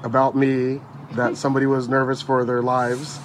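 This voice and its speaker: A man's voice: mid-range voice, monotone, normal speed. Incredulous male comedian in news clip. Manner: incredulous, laughing. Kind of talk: recorded video clip in news report. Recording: clip with faint vehicle noise.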